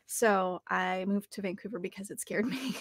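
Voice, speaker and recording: This young adult woman has a medium-pitched voice and talks at a normal speed, with no room sound in the recording. Appearing as an interview guest from her indoor home studio, she works as an audiobook narrator and voice actor. She reflects casually, thinking aloud as she talks.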